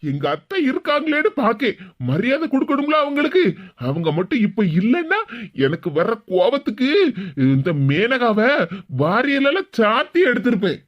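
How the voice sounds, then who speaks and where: A man voicing a sentimental young husband in an animated cartoon, with a Kanyakumari Tamil accent. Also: very high-pitched, moderate pace. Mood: aggrieved. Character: fond young husband doting on his wife. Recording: dull lo-fi audio.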